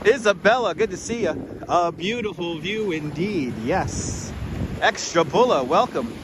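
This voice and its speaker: A man hosts a relaxed walking livestream on a windy beach boardwalk, chatting easily, greeting viewers by name and chuckling often. His voice is high-pitched and measured in pace. A wireless clip-on mic picks up wind noise, with wind and crashing waves behind him.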